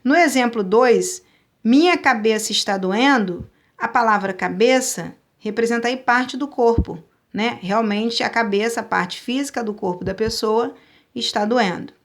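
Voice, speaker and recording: A woman's voice: fairly high pitch, a little slow. A woman with a Brazilian Portuguese accent, giving an online grammar lesson and explaining step by step, often checking in with her students. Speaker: teacher.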